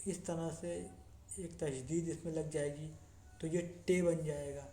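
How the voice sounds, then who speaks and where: A teacher giving a slow classroom lesson, repeating points and checking in as they explain. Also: medium pitch, fairly even intonation, dark tone. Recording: echoey room with faint noise.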